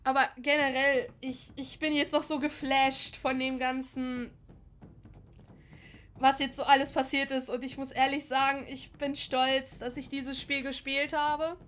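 A woman's voice: sits high, level tone, a little slow, a bit bright. A woman giving casual, enthusiastic let's-play commentary while she finishes a game, gushing and chatty. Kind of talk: casual commentary over gameplay.

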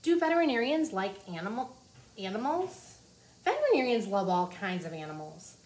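Her mid-range voice has a darkish tone and big pitch swings, and she keeps a moderate pace. A woman in her forties, she reads a children's nonfiction book aloud to young listeners in a small office, explaining simply like a teacher. Noisy room ambience is clearly heard.

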